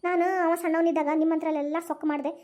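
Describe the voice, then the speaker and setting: A woman's voice: extremely high pitch, flat delivery, rapid-fire, mellow. A woman voicing a grieving old mother-in-law in a cartoon, plaintive, in a Dharwad Kannada accent. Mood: sorrowful. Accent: North Karnataka Dharwad Kannada. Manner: lamenting, plaintive dialect storytelling. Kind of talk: cartoon voice acting.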